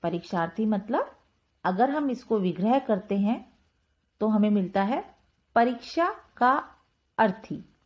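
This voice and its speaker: A woman's voice: mid-range voice, lively intonation, slow pace, pauses often, muffled recording. A woman teaching a Hindi grammar lesson, explaining step by step and repeating key terms.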